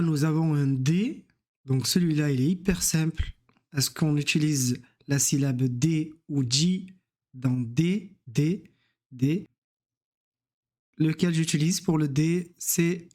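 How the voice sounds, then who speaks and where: A man's voice: a little high, darkish tone. A man teaching reading, sounding out letters and syllables one at a time and repeating each word. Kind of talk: slow step-by-step reading lesson.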